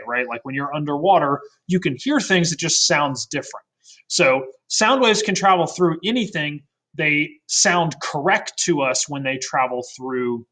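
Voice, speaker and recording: A man's voice: on the high side, pushed and bright. A man teaching a recorded science lesson in a casual way, often adding "right?" and correcting himself mid-sentence. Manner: fillers and self-corrections.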